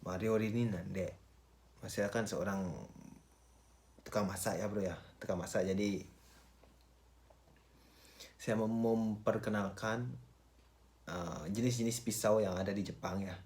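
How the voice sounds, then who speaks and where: Low-voiced man, casual vlogger. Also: fairly even intonation, a little mellow. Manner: informal, halting, repeats phrases and address tags. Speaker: vlogger and cook. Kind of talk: casual vlogger presentation, switching between two languages.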